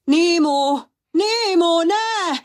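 A woman's voice: very deep voice, fairly even intonation, a little mellow, slightly rough, pitched below the performer's own voice, full character voice. A woman voicing an anxious, overprotective father clownfish in a storybook reading. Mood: alarmed. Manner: worried, pleading, calling out.

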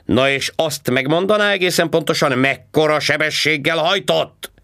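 A man voicing a loud, sharp-tongued traffic cop who barks sarcastic questions in a high-pitched voice. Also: no echo, clean studio sound.

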